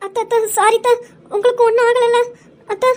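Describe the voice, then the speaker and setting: A woman's voice: very high voice, level tone, a little fast, a little mellow, pitched above the performer's own voice. A woman voicing a polite, selfless young daughter-in-law.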